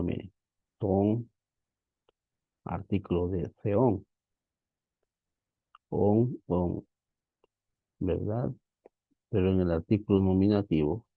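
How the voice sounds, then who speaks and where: A man with a very low voice lectures slowly and patiently, addressing his students as brothers. The sound is dry and a little dull, like a computer mic in an online class. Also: creaky, dry recording. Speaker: Bible Greek teacher.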